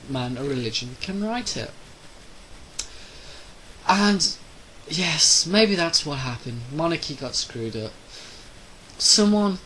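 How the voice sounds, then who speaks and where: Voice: mid-range voice, a bit bright, a little hiss or hum, rough recording. A person delivering a rambling, opinionated monologue in a theatrical, declamatory way, drawing out phrases for emphasis. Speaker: solo speaker of a rant video.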